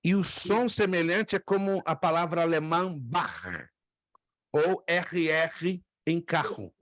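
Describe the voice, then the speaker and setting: Patient Brazilian teacher with a dry voice. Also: male voice, fairly high pitch, fairly bright tone, no room sound. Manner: explains patiently, repeats words slowly, asks the class questions. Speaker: theology teacher. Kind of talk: classroom lecture. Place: classroom with students.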